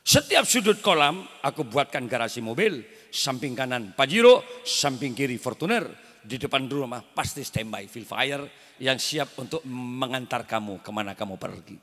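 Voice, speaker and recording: A fond, pleading husband, as a preacher acts him out, coaxing his wife and calling her "Dek" again and again. The voice is bright and forceful, and it rings out in a hall with long reverb. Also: medium pitch, sing-song, normal speed. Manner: coaxing, repeats "Dek" tenderly. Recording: reverberant hall sound system.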